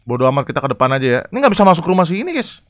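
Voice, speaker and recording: A young man casually commentating a horror game live, chatty and excitable, reading chat and yelling at scares. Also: on the high side, very fast, background noise. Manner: excitable, chatty, reacts loudly to scares and reads chat aloud. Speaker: gaming streamer.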